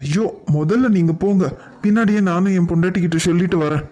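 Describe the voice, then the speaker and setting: A man's voice: sits high, fast, mellow, highs cut off, close to an everyday voice. Man doing a fretting father-in-law. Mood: worried. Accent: Kanyakumari Tamil.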